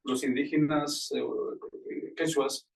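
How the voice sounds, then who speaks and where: A man in a church meeting, speaking from a distance off the microphone at an ordinary pitch. He talks in a relaxed, rambling way with many hesitant fillers between his thoughts. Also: takes it slowly, creaky. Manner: conversational, filler-heavy with este. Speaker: congregation member. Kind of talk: church Q&A talk.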